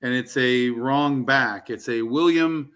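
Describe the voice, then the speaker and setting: Rambling man with a bright voice. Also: mid-range voice, slow pace, clear, resonant tone. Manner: rambling, with many ums and asides. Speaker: co-host of a collecting round table. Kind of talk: casual chat.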